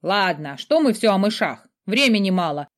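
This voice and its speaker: A woman's voice: medium pitch, sing-song, moderate pace, natural voice. A woman voicing a brash, teasing male skull familiar who rattles on in an audiobook. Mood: nosy. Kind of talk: audiobook character voice.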